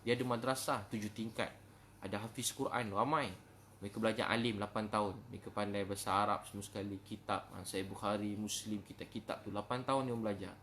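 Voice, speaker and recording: A man's voice: lowish voice, fairly even intonation, a little hiss or hum. A man preaching in a casual question-and-answer talk, with a Malaysian Malay accent and lots of "ha" fillers between phrases. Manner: fast, warm conversational preaching with many "ha" fillers. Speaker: religious preacher.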